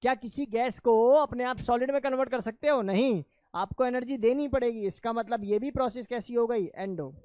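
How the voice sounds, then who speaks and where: A man's voice: very high-pitched, moderate pace, darkish tone, clear, resonant tone, no echo. A male chemistry teacher lecturing in a classroom. He keeps asking his students questions, answers them himself, and calls them "beta".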